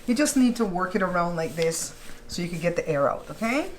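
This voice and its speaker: A woman speaks in a slightly low voice, hosting a casual home cooking tutorial. She talks viewers through each step and checks that they follow. Noise sits behind her in the homemade indoor recording. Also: expressive, fairly quick. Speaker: home baking host. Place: indoors at a kitchen counter. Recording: clearly noisy home recording.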